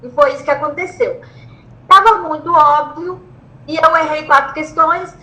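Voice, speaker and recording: A Brazilian woman with a high, bright voice tells her own story in an interview. She talks excitedly, repeats phrases and acts out what she once shouted. The room gives her voice a noticeable echo. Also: normal speed. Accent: Brazilian Portuguese. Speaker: interviewee, law graduate who passed the bar exam. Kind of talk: emotional personal storytelling.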